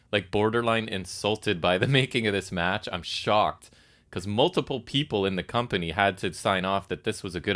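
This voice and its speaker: A man co-hosting a wrestling recap podcast, giving his opinions with dry, deadpan sarcasm. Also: deep voice. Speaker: podcast co-host. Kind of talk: casual wrestling recap chat.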